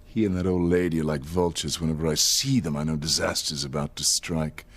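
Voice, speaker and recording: A man's voice: extremely low pitch, fairly even intonation, brisk, fairly bright tone, husky, exaggerated voice. An actor playing a haughty, sardonic rich man with grand melodrama in a soap opera. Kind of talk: daytime soap opera acting. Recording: music under the dialogue.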